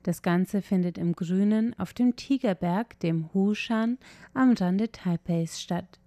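A woman narrating a scripted radio culture feature in a clear, measured way. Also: mid-range voice, mellow, dry recording. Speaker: culture reporter.

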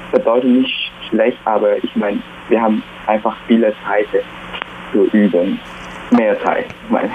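Young man speaking haltingly on a phone line. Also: fairly low pitch, a little hiss or hum. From Taiwan. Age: young adult. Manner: halting non-native speech, many pauses. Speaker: music student. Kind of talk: phone interview.

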